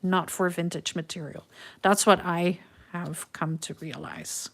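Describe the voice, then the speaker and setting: The speaker is a middle-aged Dutch-accented woman from the Netherlands who hosts a live craft stream, talking with viewers in a leisurely, musing style with many ums. Her voice is lowish and her intonation fairly even.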